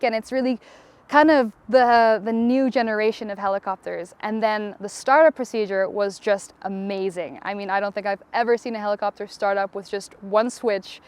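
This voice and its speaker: Smooth-voiced enthusiastic woman pilot. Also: medium pitch. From Tanzania. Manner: enthusiastic, with a few fillers and restarts. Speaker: helicopter pilot. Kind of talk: promotional testimonial.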